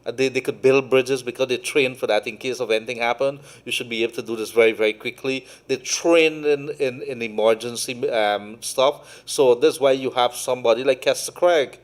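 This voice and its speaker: Middle-aged Guyanese man, studio radio host, emphatic and quick-fire. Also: mid-range voice, fairly even intonation. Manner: emphatic, quick bursts of speech. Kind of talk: casual radio talk. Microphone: studio mic with headphones.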